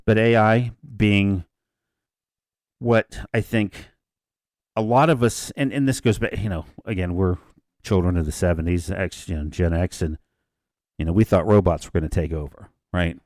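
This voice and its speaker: A man's voice: low-pitched, normal speed, darkish tone, no room sound, clean studio sound. A man in his fifties co-hosting a casual discussion podcast, rambling a little and often restarting his sentences. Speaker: podcast co-host.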